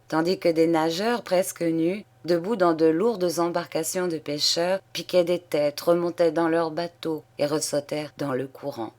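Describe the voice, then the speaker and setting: A woman reading a classic story aloud in calm, measured narration. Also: low-pitched. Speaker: reader.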